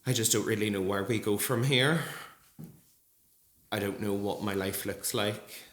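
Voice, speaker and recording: Earnest low-voiced man in echoey hall. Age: 30s. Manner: earnest, measured, with frequent ums. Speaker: nurse speaking at a support group event. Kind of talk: personal testimony speech. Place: large gallery hall. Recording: echoey hall with faint ambience.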